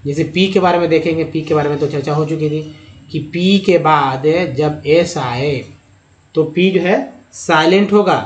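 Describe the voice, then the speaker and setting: A man's voice: fairly high pitch, a little slow. Echoey male English tutor explaining rules. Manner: repetitive, explanatory, addresses viewers as friends. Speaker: English teacher. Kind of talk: Hindi-language lesson on English spelling.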